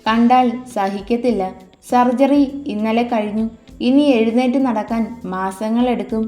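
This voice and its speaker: A woman's voice: on the high side, fairly even intonation, measured pace, natural voice. A woman voicing a stern but tender old grandmother who scolds and protects her family. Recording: echoey room with soft music.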